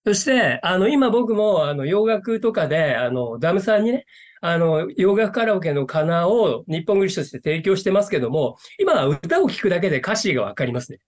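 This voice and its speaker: A man's voice: sits high, sing-song, normal speed. A man who is a guest in the interview, talking earnestly and using many fillers. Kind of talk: interview conversation.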